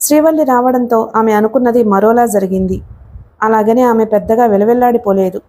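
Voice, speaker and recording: A woman narrating an audiobook story in a calm, even manner. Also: on the high side, brisk. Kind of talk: scripted narration.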